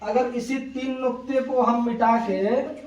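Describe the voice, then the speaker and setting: An Urdu teacher gives a classroom lesson in a mid-range voice with fairly even intonation, speaking slowly. He patiently repeats the same questions and their answers to check that students understand, in a roomy, distant, dull lo-fi recording with loud noise.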